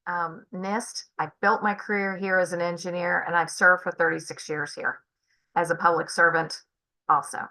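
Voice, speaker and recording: An older woman giving halting testimony at a public meeting, with many fillers. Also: lowish voice, pushed and bright, low-quality recording. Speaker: former student testifying. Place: meeting room.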